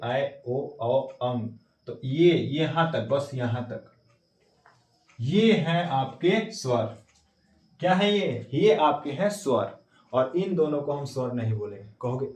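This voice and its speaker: A male teacher giving a classroom lecture. He repeats key words, quizzes his students, and drops low and soft to answer his own questions. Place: classroom with a board. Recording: echoey classroom, voice from a distance.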